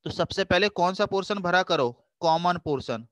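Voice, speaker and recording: A man teaching a math revision lesson, patiently coaxing his students and slowing down to read formulas and questions aloud. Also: high voice, steady tone, fairly bright tone, dry recording, studio quality.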